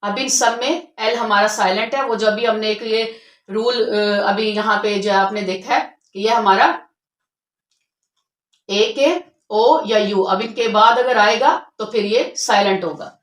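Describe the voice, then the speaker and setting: A woman's voice: mid-range voice, measured pace. A woman teaching a spoken English lesson, patiently explaining rules and repeating each word twice. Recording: echoey room.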